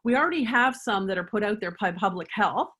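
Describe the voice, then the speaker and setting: A woman's voice: medium pitch, expressive, a little fast, a bit bright, slightly rough. A woman chiropractor answering interview questions in an earnest, thoughtful way, at times guiding the listener through a reflection. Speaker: chiropractor guest.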